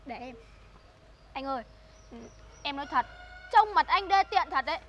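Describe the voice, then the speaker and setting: A woman's voice: high voice, animated, moderate pace, highs cut off, a little hiss or hum. A young woman acting a cheeky student who mocks and wheedles in a comedy sketch. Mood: mocking. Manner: cheeky, mocking, sing-song pleading.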